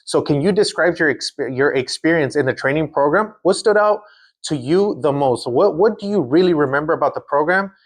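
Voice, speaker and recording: A man's voice: fairly high pitch, expressive, a little fast. Man interviewer who rephrases his questions. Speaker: interviewer for the driving school.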